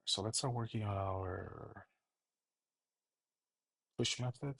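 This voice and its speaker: A man leading an unscripted coding tutorial, thinking aloud in a halting way with fillers and self-corrections. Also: on the low side, vocal fry, fairly bright tone, no echo. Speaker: programming tutor.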